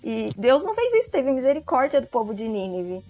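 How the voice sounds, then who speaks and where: Chatty woman, fairly high voice. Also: very animated, fairly quick, mellow, soft background music. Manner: chatty, laughs often, many fillers. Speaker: podcast guest, book club member. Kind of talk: casual chat about a book.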